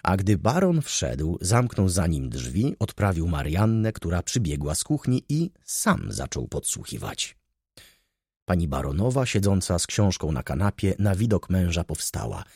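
A male audiobook narrator with a deep, husky voice and a lively, wide-ranging pitch. His reading is measured and expressive. The sound is close and dry. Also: no echo. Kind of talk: scripted narration.

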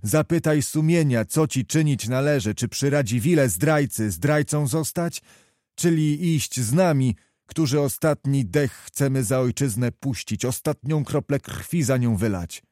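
A man's voice: medium pitch, measured pace, dark tone, no echo, studio quality, natural voice. A man voicing a stern older officer who speaks with impassioned, declamatory force. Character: stern older male officer, fiery patriotic orator.

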